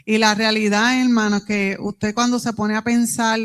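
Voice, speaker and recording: A woman's voice: on the high side, little pitch movement, moderate pace. A woman with a Puerto Rican accent teaching a church Bible class in an earnest, conversational way, often adding "¿verdad?" tags.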